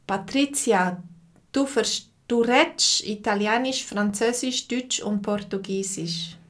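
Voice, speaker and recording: A woman with a Swiss German accent teaching a live online language lesson, speaking slowly and clearly and repeating phrases for learners. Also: mid-range voice.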